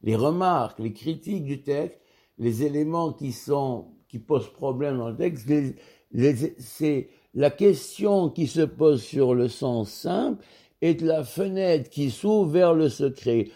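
A man teaching a religious text lesson as a Torah teacher explains in a measured way, repeating key words to drive his points home. His voice is on the high side, animated, and dark in tone.

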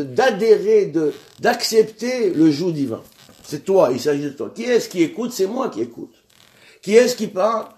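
A man teaching a religious lesson, speaking in a measured way with frequent restarts and pauses, lifting his voice on the key words and questions. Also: a little high, a little mellow.

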